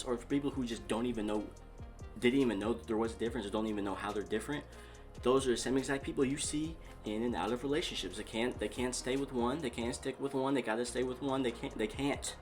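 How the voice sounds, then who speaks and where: A man's voice: medium pitch, a little fast, darkish tone, soft background music, natural voice. A man playing a boastful self-proclaimed relationship doctor in a comedy sketch, rambling and repeating himself. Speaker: comedic YouTube host in character.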